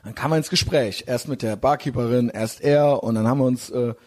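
A man's voice: medium pitch, steady tone, a little fast, a little mellow. A man casually telling a rambling, slangy anecdote full of fillers. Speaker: storyteller.

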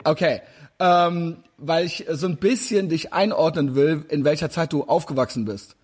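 A husky, fairly high-pitched man in his forties talks at normal speed while interviewing a guest in a relaxed video-call conversation. His speech rambles, full of filler words and false starts.

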